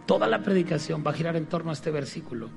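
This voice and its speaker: High, gravelly-voiced preacher cracking jokes. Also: male voice, fast, over music. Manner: humorous, lively, prompts the congregation to repeat lines. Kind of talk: sermon.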